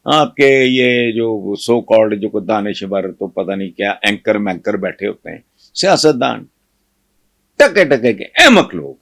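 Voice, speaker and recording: An older male commentator from Pakistan scolds and mocks in a fiery monologue. His voice sits low with a gravelly fry, and the sound is dry and close to the mic. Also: dry recording. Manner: scornful and scolding, with bursts of loud mockery. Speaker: political commentator. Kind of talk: fiery political commentary to camera.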